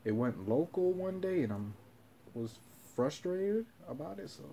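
A young man speaks in a fairly high, warm voice with wide swings in pitch, taking his time. He rambles casually and hesitantly in an offhand way, like an amateur vlogger filming on a handheld phone at arm's length in a small bedroom. The phone recording is noisy with clear hiss.

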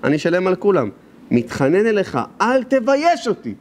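A man doing a frantic begging guest, high and rushed. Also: big pitch swings, darkish tone. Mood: pleading. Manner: pleading, repeating himself, rushed. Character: desperate humiliated man begging not to be shamed.

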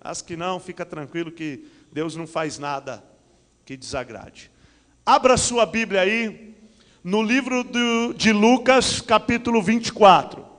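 A middle-aged Brazilian pastor speaks into a handheld microphone, his voice pitched high for a man, peppering his preaching with amens and hallelujahs. The sound rings out with a long reverb through a large church hall. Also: measured pace. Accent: Brazilian Portuguese. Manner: animated preaching with frequent amens and hallelujahs, paces the stage. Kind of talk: church announcements and sermon.

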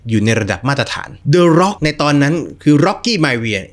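Animated man telling stories, lively pitch. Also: a little slow. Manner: animated, full of exclamations. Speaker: host. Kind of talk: casual storytelling chat.

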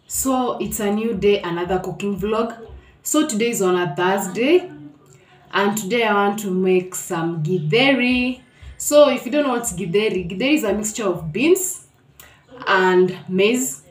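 A young woman with a Kenyan accent, chatting casually to viewers as she cooks in a small home kitchen, dropping in Swahili words. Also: mid-range voice. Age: young adult. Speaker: cooking vlogger. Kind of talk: casual cooking vlog chat. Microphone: phone camera at arm's length.

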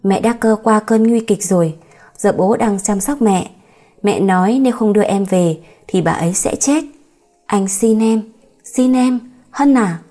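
A woman's voice: mid-range voice, measured pace, dark tone, close to an everyday voice. A woman voicing a remorseful young husband in an audiobook story, emotional and pleading.

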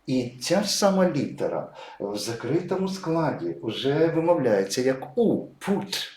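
A man's voice: medium pitch, big pitch swings, moderate pace, darkish tone, reverberant. A man teaching English pronunciation patiently, writing words and stressing each example. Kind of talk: explaining pronunciation at a whiteboard.

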